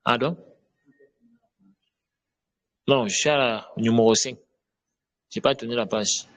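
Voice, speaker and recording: A man teaching an online Arabic lesson, explaining slowly and checking often that students follow. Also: medium pitch.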